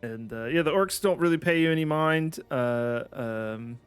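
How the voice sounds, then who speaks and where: Halting male game master. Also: fairly high pitch, smooth, faint music behind. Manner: halting, full of fillers and restarts. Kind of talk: narrating a tabletop game.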